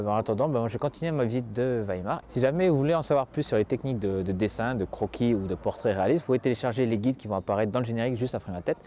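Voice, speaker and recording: A man's voice: on the low side, dark tone, a little hiss or hum. A man who teaches drawing, giving a casual, hesitant vlog sign-off outdoors in a town, full of fillers.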